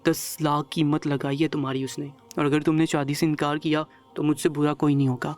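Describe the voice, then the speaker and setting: A man's voice: fairly high pitch, flat delivery, a little mellow, natural voice. A man reading as a harsh, threatening father. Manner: stern, menacing.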